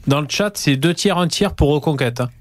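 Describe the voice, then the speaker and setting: A male host running a live stream, talking in a relaxed way to the viewers. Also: a little high, brisk.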